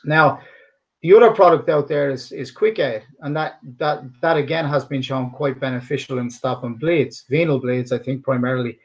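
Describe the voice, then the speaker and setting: Speaking at normal speed in a medium-pitched voice, this middle-aged man works as a cutman in boxing and MMA and is an interview guest. The audio sounds dull. With a somewhat polished Dublin Irish accent, he replies earnestly and emphatically, rambling and restarting as he goes.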